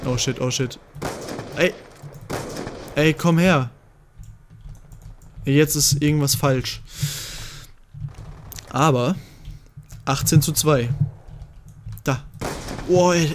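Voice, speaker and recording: A young man giving live gameplay commentary as a gaming video host, excitable and swinging from mutters to shouts. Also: a little high, takes it slowly, long pauses, slight background noise.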